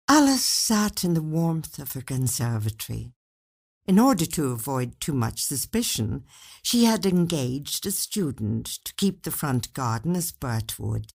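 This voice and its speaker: A woman tells a short story in a low, slightly husky, somewhat mellow voice. She unhurriedly narrates with expression, her intonation ranging widely.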